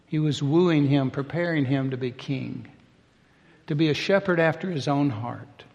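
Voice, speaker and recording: An older man delivers a sermon from the pulpit, his voice sitting a little higher than most men's. He preaches in a folksy, conversational way, and the sound rings with the long reverb of a big hall. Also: unhurried, vocal fry, darkish tone, dull audio. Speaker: pastor.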